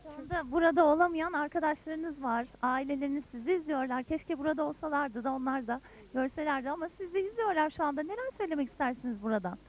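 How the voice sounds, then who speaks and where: A woman hosts a field interview for broadcast. Her voice is high, and she moves briskly through her questions and introductions. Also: low-quality recording. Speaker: presenter interviewing guests.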